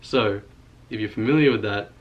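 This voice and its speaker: A young man co-hosting a casual question-and-answer chat with his wife, relaxed and easygoing, his speech halting with fillers. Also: lowish voice, muffled recording. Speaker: co-host of a couple's channel.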